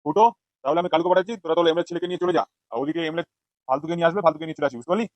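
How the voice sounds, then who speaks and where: A man voicing a bossy male gang leader in an animated comedy, giving gruff orders. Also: fairly high pitch, racing, no echo, lightly acted. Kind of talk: cartoon voice acting. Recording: dull lo-fi dry sound.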